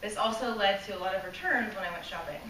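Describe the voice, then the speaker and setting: Before a live audience, a club speaker presents a prepared speech earnestly and directly, talking fast in a pushed, bright, mid-range voice. She puts questions to the room and occasionally stumbles, losing her place and starting over, recorded from afar in an echoey space with faint hiss.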